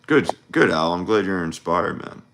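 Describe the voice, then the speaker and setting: A man's voice: sits low, expressive, moderate pace, fairly bright tone, a little hiss or hum. A man coaching on dating in a loose, rambling livestream chat, full of fillers and restarts. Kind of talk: casual livestream talk. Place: home livestream.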